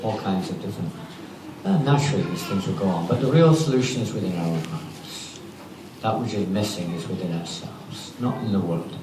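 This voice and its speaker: A man's voice: low voice, expressive, a little fast. A man giving an informal spiritual class in a temple hall, talking in a conversational, rambling way with restarts and chuckles. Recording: roomy hall audio from a distance, noisy.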